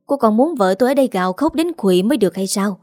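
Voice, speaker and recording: A woman's voice: medium pitch, expressive, warm tone, no echo, studio quality, close to an everyday voice. A woman doing a pushy, scheming husband. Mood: indignant. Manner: quick, pushy and defensive. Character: scheming middle-aged man, fake grieving husband.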